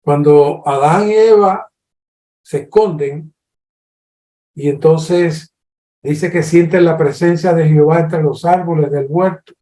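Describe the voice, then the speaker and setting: A man with a Colombian Spanish accent preaches a sermon in a fairly high voice, and the room is echoey. He teaches slowly and earnestly, acting out questions in a lively way.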